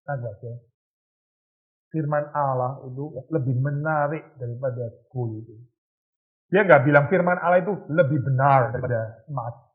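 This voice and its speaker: A male pastor gives an informal lecture to a youth group, keeping it conversational and tossing rhetorical questions at his listeners. His voice sits at an ordinary middle pitch. The sound is narrow and tinny, as if heard down a phone line. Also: normal speed. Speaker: pastor teaching a youth Bible study.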